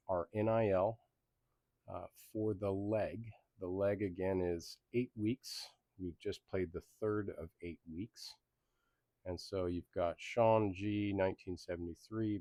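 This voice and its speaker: A man's voice: sits low, a little mellow, no echo. A man who grew up in Belgium and Germany, hosting a casual sports league recap in an easygoing, rambling way with many ums. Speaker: league host.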